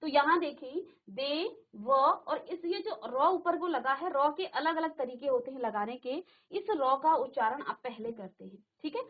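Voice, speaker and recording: A woman's voice: sits high, lively intonation, a little slow, narrow, tinny audio. A woman teacher giving a classroom grammar lesson, repeating terms and asking the class questions, in a virtual classroom studio.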